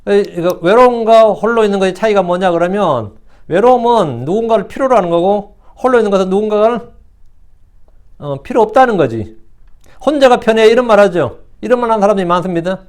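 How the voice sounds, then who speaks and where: A man preaches at a brisk clip, in a voice that sits high for a man. He drops in quick asides and rhetorical questions, and now and then slips into mocking voices of scoffers. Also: lively intonation. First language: Korean. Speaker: pastor. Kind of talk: sermon.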